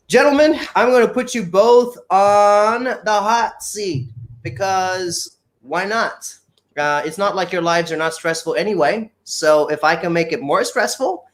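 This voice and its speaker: Male livestream host, slightly high voice, chatty and playful. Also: a bit bright. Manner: upbeat, chatty, playful teasing. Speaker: show host. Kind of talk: casual livestream show hosting.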